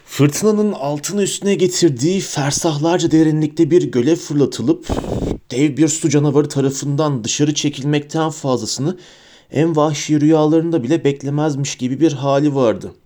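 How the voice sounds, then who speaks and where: Male audiobook narrator, expressive storyteller, warm and mellow, slightly high pitch. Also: moderate pace. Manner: expressive storytelling with character voices. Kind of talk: scripted narration.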